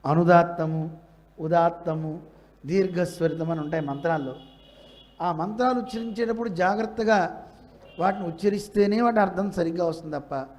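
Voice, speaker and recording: High-voiced man giving a Telugu discourse. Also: darkish tone. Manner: questions the audience, acts out quoted lines. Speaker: religious teacher. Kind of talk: Bhagavata discourse to a live audience.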